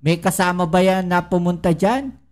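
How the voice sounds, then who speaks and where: A woman's voice: fairly low pitch, normal speed, darkish tone. A woman giving casual political commentary to her viewers, full of rhetorical questions and tag questions. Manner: addresses viewers directly and often.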